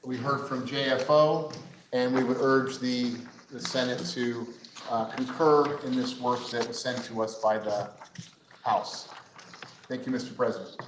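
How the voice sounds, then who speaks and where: Man, state senator, formal floor report, measured and explanatory, roomy sound. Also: medium pitch, steady tone. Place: legislative chamber. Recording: echoey chamber, noisy.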